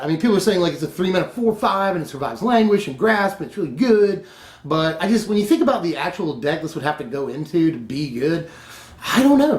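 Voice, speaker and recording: A man with a fairly high voice chats casually through a card-spoiler review and laughs at himself often. The room around him rings with echo. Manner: chatty, laughs often, self-correcting. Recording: echoey room.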